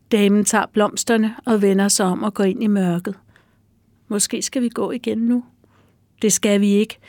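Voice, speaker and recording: Woman author reading her own prose aloud, soft and measured, dry booth sound. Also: mid-range voice, no echo.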